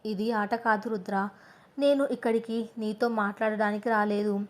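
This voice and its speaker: A woman's voice: mid-range voice, steady tone, normal speed, close to an everyday voice. A woman voicing a proud, wealthy young woman who pleads tearfully with a trembling voice, in an audio story. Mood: pleading.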